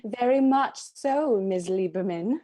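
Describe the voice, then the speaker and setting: A woman's voice: mid-range voice, animated, unhurried, warm tone. Woman playing a hesitant polite housekeeper. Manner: hesitant, full of ums, politely formal.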